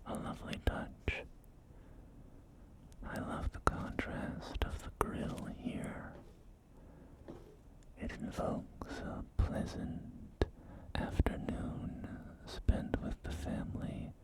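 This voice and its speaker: The roleplay casts the whispering ASMR voice as a genteel, courteous real estate agent. It sounds breathy and refined, moving at a leisurely, hesitant pace over gentle background music.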